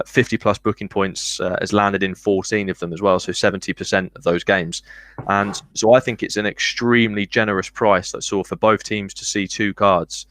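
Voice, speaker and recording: A man's voice: on the low side, fairly bright tone, no room sound. A man giving betting analysis on a live stream, methodical, full of ums and statistics. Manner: methodical, lots of ums, reels off stats. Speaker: guest analyst.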